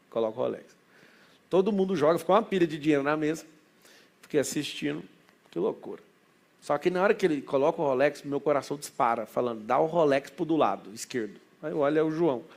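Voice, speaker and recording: A man with a Brazilian Portuguese accent, a business mentor telling an excitable story to a group, full of asides. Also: a little high, vocal fry. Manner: excitable, rapid anecdotal delivery with many asides.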